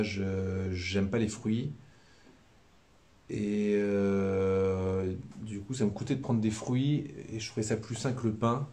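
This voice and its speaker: A religious brother with a Southern French accent gives a casual, live spiritual talk. His voice is deep and warm, and he rambles hesitantly, full of fillers and repeated words.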